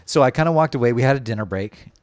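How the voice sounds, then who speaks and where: A man's voice: mid-range voice, expressive, racing, a little mellow. A man as a podcast guest in casual conversation, talking openly and reflectively with many filler words.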